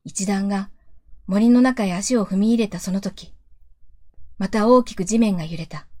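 A woman reads a fantasy novel aloud in a calm, measured storytelling voice of middling pitch. She often sinks to a soft, hushed tone. The sound is close and dry, with no room around it. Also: no echo. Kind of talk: audiobook-style reading of a novel.

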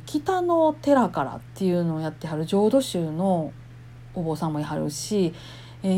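Speaking with a Kansai accent, a temple wife delivers a casual monologue, chatting easily with her listeners and laughing often. Her voice sits at medium pitch with a dark tone.

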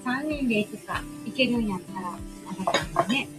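Woman, Kansai accent, casual livestream host, somewhat high voice, loud background music. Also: expressive, fairly quick, poor audio. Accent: Kansai Japanese. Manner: easygoing, greets listeners by name. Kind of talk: casual chat.

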